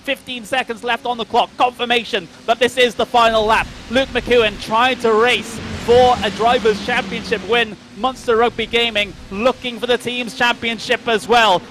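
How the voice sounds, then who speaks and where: A man with a British accent calling a sim racing finish live, as rapid play-by-play that turns breathless at the end. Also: extremely high pitch, fairly bright tone, slight background noise, rough recording. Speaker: race commentator. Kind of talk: excited live race commentary.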